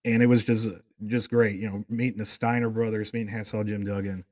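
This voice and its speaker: Speaking fairly quickly in a fairly low, flat voice, a man hosts a laid-back talk show and rambles through excited fan anecdotes, drifting into side stories. The sound is clean studio audio without any room echo.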